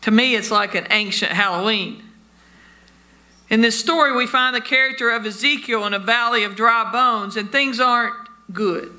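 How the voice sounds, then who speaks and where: A man's voice: extremely high pitch, normal speed, pushed and bright. A man preaching a sermon, telling stories and addressing his listeners as friends. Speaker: pastor.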